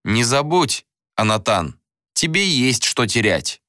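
A man's voice: medium pitch, very animated, slow pace, sharp tone, no echo, clean studio sound, pitched above the performer's own voice, full character voice. A man doing a sneering whip-cracking bandit. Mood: menacing. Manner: sneering, threatening. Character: mocking greedy male bandit with a whip.

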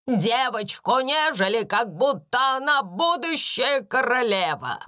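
A woman voicing a stern older schoolmistress who snaps out scornful commands, slow and high. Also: animated, sharp tone.

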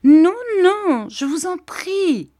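A woman reader voicing a timid, pampered young woman who pleads in a high voice. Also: very animated, slow pace, darkish tone, heavily acted. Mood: pleading. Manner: pleading, pouting, high and breathy.

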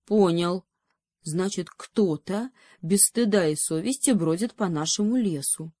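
Woman doing a cranky sleepy hedgehog, grumbly, slow, storybook. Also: on the low side, mellow, no echo. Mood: grumpy. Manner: grumbling, drowsy. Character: grumpy sleepy male hedgehog.

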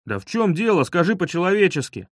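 Man playing a cocky schoolboy, teasing and bossy, lively pitch, dry sound. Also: a little fast, no room sound. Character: cocky schoolboy friend Vitka, hiding in bathroom. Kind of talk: audiobook reading.

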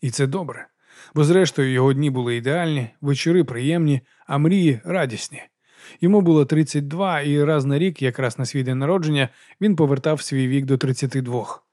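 A man's voice: a little high, no room sound. Male audiobook narrator, dry close sound. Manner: steady storytelling delivery. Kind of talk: scripted narration.

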